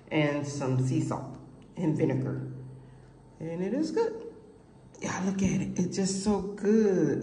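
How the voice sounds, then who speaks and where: A cooking vlogger with a low, mellow voice chats casually to her viewers from behind the camera at her home kitchen table, rambling through what she cooked. The indoor room is echoey, and there's a faint hiss on the recording.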